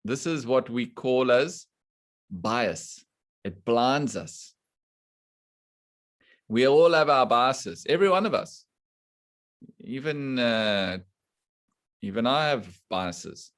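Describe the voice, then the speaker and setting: A man teaching a scripture class to students online, explaining slowly and deliberately and putting questions to the class. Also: medium pitch, expressive, a bit bright. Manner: slow and deliberate, quizzing the class. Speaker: spiritual teacher.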